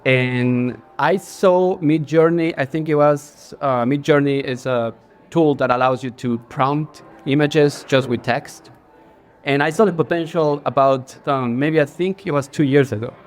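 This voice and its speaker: A man in his forties from Ecuador, a creative director, is interviewed casually on stage before a bar audience. His voice sits on the high side, and he talks at a measured pace with an Ecuadorian Spanish accent. He sounds earnest, though his speech is full of fillers and restarts.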